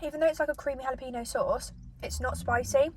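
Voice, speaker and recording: A British woman with a high voice hosts a casual mukbang, talking between mouthfuls and pausing for bites. She sounds a little away from the microphone, with clear noise behind her. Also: steady tone. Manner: eating as she talks, with pauses for bites. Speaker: mukbang host eating and reviewing food. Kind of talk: casual chat to camera while eating. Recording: distant microphone, noticeable background noise.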